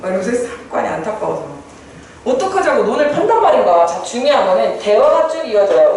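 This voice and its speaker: A woman's voice: on the high side, distant mic, noisy background. A woman teaching a literature class, firing questions at her students and briefly acting out characters' lines. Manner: lively, asks students constant questions; acts out characters' lines in quick bursts. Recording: very echoey room from away from the mic.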